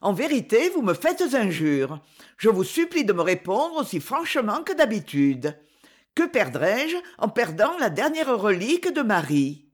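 A woman reading aloud voices a polite, reserved gentleman who speaks in a courteous, measured way. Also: mid-range voice, big pitch swings, slightly rough. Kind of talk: audiobook character voice.

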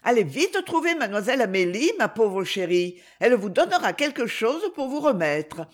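A woman's voice: a little high, very animated, pitched above the performer's own voice. A woman reading the part of an eager, chatty young noblewoman who gushes and hurries her words. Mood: affectionate. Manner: gushing and hurried.

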